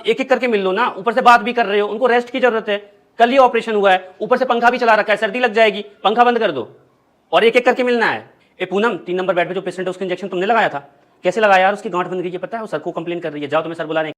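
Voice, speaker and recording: A performer playing a brisk, scolding hospital ward nurse who orders visitors around. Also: medium pitch, a bit bright, natural voice.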